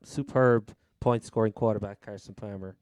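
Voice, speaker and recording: A man's voice: on the low side, steady tone, normal speed, darkish tone, no room sound, clean studio sound. A man with a Cork Irish accent hosting a casual chat about sport. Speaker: fantasy football podcast host.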